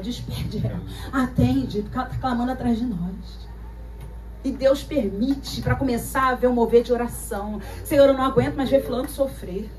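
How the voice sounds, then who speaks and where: A Brazilian woman preaches a lively sermon with a high voice, acting out the people in her stories and hammering phrases through repetition. She is picked up from some distance away, with a faint hum of noise behind her. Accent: Brazilian Portuguese. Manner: dramatic storytelling, acting out voices and repeating phrases. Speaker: pastor.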